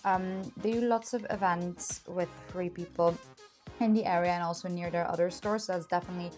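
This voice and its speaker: A woman's voice: on the low side, fairly even intonation, a little fast, a little mellow, soft background music. A woman lifestyle vlogger with an upbeat, enthusiastic manner, chatting casually and narrating her days. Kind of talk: casual vlog narration and haul chat.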